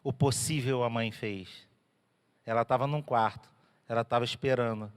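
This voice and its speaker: A man's voice: medium pitch, moderate pace, clear, resonant tone, long reverb tail. A man preaching a sermon as a pastor in a church, telling the story animatedly. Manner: animated storytelling, acting out characters.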